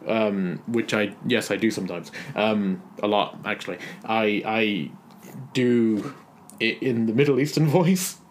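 A man's voice: fairly low pitch, unhurried, a little hiss or hum. A young man, co-hosting a podcast in casual, joking chat and laughing often. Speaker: podcast co-host.

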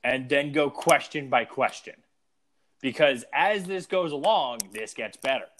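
Animated young man chatting on a podcast. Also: medium pitch, unhurried. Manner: animated storyteller, laughs and trails off mid-thought. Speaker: podcast co-host. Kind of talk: casual podcast chat.

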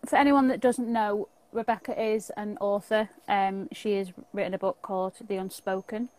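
A woman's voice: medium pitch, fairly even intonation, normal speed, a little mellow. A British woman hosting a casual interview in a chatty, informal way over a video call. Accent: British English. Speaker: interview host. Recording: clearly audible background noise.

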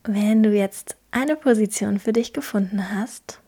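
Female meditation guide: hushed, husky-breathy near-whisper, gentle delivery with unhurried pauses. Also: mid-range voice. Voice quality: soft, breathy. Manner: gentle, hushed, slow pauses between phrases. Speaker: podcast host guiding a meditation.

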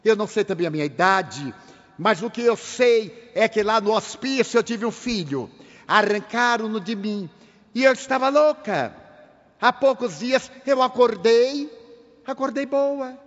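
A man's voice: sits high, expressive, unhurried, fairly bright tone, pitched above the performer's own voice. A man voicing a mother who was once insane, telling her story in an earnest, breathless rush. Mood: pleading. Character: formerly insane middle-aged mother, pleading. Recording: dull lo-fi recording in a reverberant hall.

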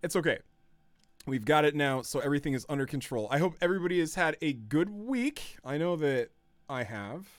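Man, podcast co-host, animated delivery, slightly high voice, dry close mic. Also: brisk, dry recording. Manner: animated, jokey, reads questions aloud. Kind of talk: casual gaming podcast chat.

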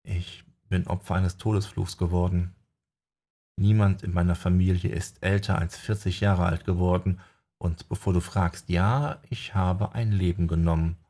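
A man voicing a weary, guarded male magician in an audiobook, subdued and low-key. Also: fairly even intonation, moderate pace, warm tone.

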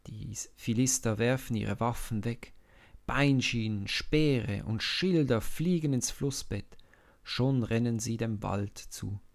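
A man narrating a children's Bible story slowly and dramatically. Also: mid-range voice. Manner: slow, dramatic, gravelly reading.

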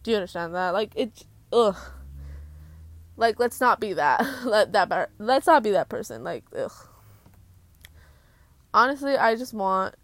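A woman's voice: medium pitch, lively intonation, measured pace, pauses often, dry recording. A young woman vlogging and venting, swearing freely and mimicking people with blah blah. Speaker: YouTuber. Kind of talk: casual storytime rant to camera.

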